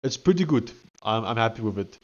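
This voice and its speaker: A man's voice: medium pitch, lively intonation, fairly quick. Man with a thick Afrikaans accent, slightly dull mic. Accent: thick Afrikaans South African. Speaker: live streamer coding on screen. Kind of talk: casual live-stream chat mixed with dictated instructions.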